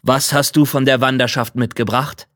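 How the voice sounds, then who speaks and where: A man voicing a doubtful, gruff old tailor father in a fairy tale. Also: fairly even intonation, a bit bright, no echo, studio quality, natural voice. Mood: skeptical. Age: older. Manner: slow, skeptical and low.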